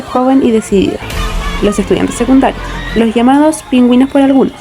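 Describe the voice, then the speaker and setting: A woman's voice: a little high, mellow. A woman giving earnest, scripted documentary narration. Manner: earnest, rhetorical.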